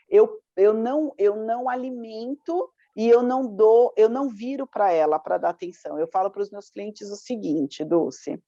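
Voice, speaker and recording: Brief: woman life coach, warm mellow tone, dry lo-fi recording, lively chat. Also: medium pitch, no echo. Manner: chatty, acts out her inner voice. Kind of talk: casual motivational talk. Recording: dull dry lo-fi sound.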